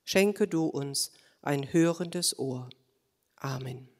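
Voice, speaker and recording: A woman reading scripture and leading a short prayer, measured and solemn. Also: rumbling low, a little mellow. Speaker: scripture reader. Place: church. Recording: long church-hall reverb.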